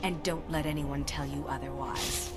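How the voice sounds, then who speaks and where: An actress voicing a blunt, no-nonsense mine owner in a fantasy video game. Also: female voice, low voice, fairly even intonation, moderate pace, natural voice. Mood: blunt, scornful. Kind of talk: video game character dialogue. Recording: loud music behind the voice.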